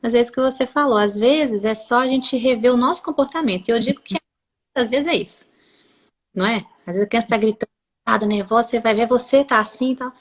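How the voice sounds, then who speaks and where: A woman's voice: fairly high pitch, fast. A woman with a Brazilian Portuguese accent hosting a live stream, reading viewer comments aloud and encouraging mothers affectionately. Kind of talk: casual live-stream conversation.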